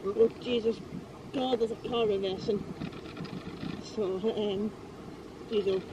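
A woman's voice: mid-range voice, fairly even intonation, slow pace. Scottish woman, young, travel vlogger; effusive casual chat, muffled recording, noisy surroundings. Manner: chatty, gushing, with many fillers. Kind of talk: casual vlog chat to camera. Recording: dull lo-fi sound with clear background noise.

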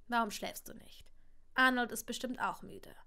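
A woman's voice: fairly high pitch, moderate pace, gravelly, sharp tone. A woman voicing a young father who is dry and ironic but tender with his son, in her own near voice, reading aloud. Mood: gentle.

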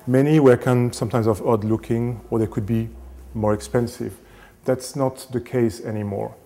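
A man in his thirties, a renovation specialist, giving a casual lecture to camera on a lapel mic, halting with many fillers and restarts. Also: mid-range voice, steady tone, dark tone. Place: small indoor studio set.

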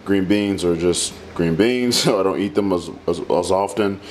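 Low-voiced man rambling through meal prep. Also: moderate pace, a little hiss or hum. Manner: relaxed, rambling, talks while cooking. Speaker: fitness trainer. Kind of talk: casual cooking walkthrough. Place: home kitchen. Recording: music playing under voice.

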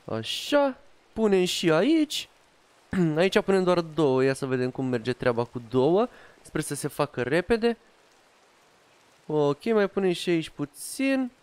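Gaming creator, high-pitched, smooth clear voice, chatty let's play narration. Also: male voice, very animated, darkish tone, no echo. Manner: chatty, talks to himself and his pet dog as he plays. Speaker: gaming youtuber. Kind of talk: casual Minecraft let's play commentary.

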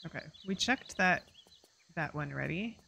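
A woman's voice: deep voice, expressive, normal speed, vocal fry, sharp tone, breathy edge. A woman streamer chatting casually and rambling with lots of fillers while playing a game. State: hiccups. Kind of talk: casual gameplay commentary.

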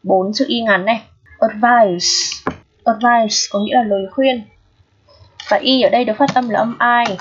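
Patient woman teacher, husky lo-fi voice. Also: on the high side, fairly even intonation. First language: Vietnamese. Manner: patient, repeats words slowly, checks understanding often. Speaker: English teacher. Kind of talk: exam review lesson. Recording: dull lo-fi recording.

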